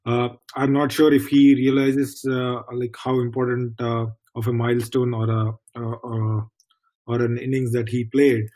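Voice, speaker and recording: A man who is a regular guest analyst on a radio sports talk show, speaking in an earnest, measured way. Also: medium pitch, flat delivery, mellow. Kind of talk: casual radio sports chat.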